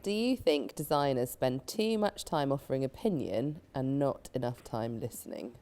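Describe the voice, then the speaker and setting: A woman's voice: extremely low pitch, lively intonation, normal speed, warm tone. A woman interviewer asking brief, probing follow-up questions.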